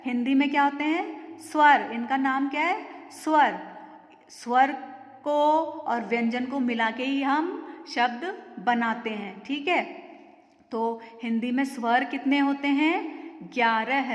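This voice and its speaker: Casting: woman teacher, high-pitched, unhurried, quizzes kids then answers herself; echoey room with long reverb. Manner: patient, asks questions and answers them herself. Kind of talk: grammar lesson for children.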